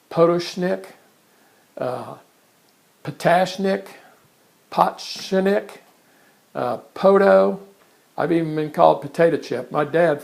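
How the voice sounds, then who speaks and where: An artist in his 60s introduces himself to camera in a casual monologue, standing in his studio before a blank canvas. Born in England and raised in Kansas, he has a gravelly yet fairly high-pitched voice. He chats conversationally but haltingly, with frequent restarts and fillers.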